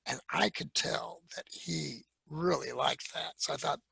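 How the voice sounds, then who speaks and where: A man giving a storytelling talk at a library, retelling events in an animated way and slipping into the voices of the people in his story. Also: fairly high pitch, measured pace, gravelly, husky.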